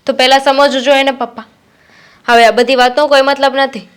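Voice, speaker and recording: A woman's voice: sits high, little pitch movement, a little fast, natural voice. A woman playing a reproachful young daughter. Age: young adult. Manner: reproachful, firm. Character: student daughter, resentful and determined. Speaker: daughter studying to be a pilot. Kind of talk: Gujarati short-film acting.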